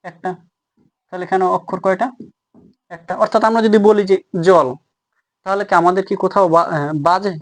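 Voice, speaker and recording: A young male teacher walks through a grammar lesson at the board. His voice sits a bit higher than most men's, and he often asks a question aloud and then answers it himself. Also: fairly even intonation, moderate pace, long pauses.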